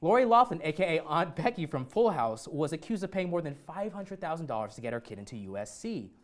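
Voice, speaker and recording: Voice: medium pitch, big pitch swings, a little fast. A comedy news co-host delivering scripted jokes playfully, laughing through many lines.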